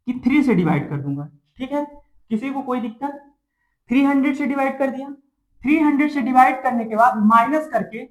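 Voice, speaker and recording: A man's voice: extremely high pitch, highs cut off. A man teaching a math lesson to a class, asking questions and answering them himself, repeating each step and checking in often.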